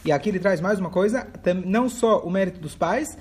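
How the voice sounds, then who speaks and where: A man teaching a lively text study class, acting out dialogue and mixing in Hebrew phrases. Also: high-pitched, fast talker. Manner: expressive, acts out dialogue, mixes in Hebrew phrases. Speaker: Torah teacher.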